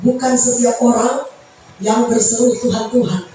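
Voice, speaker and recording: A woman preaching a sermon, swinging between sung, shouted lines and hushed asides. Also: on the high side, level tone, normal speed, a little hiss or hum. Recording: very echoey hall, heard from a distance.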